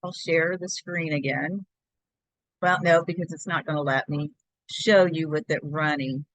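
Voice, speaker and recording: A woman's voice: low-pitched, measured pace, no room sound, low-quality recording. Chatty woman talking through a tutorial. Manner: chatty step-by-step explaining, thinking aloud. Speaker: crafting tutorial host. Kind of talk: screen-share laser engraving tutorial.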